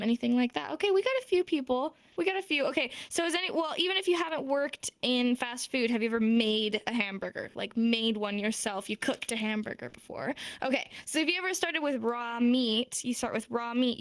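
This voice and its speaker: A woman's voice: fairly high pitch, no echo. An American woman teaching a casual sign language class, upbeat and encouraging, laughing often. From United States. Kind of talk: casual live class in a virtual world.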